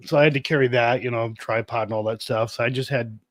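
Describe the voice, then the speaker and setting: A man's voice: medium pitch, fairly even intonation, fast, fairly bright tone, no room sound. A man co-hosting a live stream, chatting casually in a rambling, joking way with some swearing. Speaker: podcast co-host.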